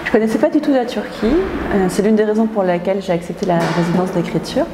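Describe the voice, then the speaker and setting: A woman from France, an author, speaking thoughtfully in an interview, pausing often with filler sounds. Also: medium pitch, expressive, music in the background. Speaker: author in residence. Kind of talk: reflective interview talk. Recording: echoey hall with faint ambience.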